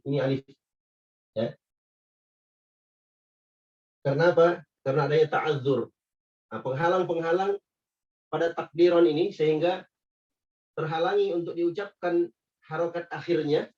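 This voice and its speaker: A man teaching Arabic grammar in a patient, repetitive classroom style, often checking in with a quick "ya". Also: on the high side, darkish tone. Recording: muffled lo-fi sound from a distance.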